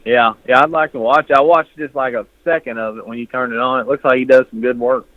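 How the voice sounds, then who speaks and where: A man comes through a clipped, narrow phone line. He tells stories in a rambling, easygoing way at an ordinary pitch. The sound is dry, with no room around it. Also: steady tone, fast talker, dry recording. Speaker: guest hunter. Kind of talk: casual chat.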